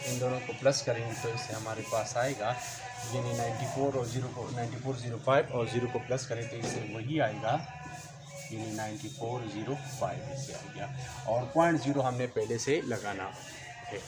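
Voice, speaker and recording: A man teaching a math lesson, explaining slowly, repeating each step and counting aloud. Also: medium pitch, steady tone, over loud music. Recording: noticeable background noise.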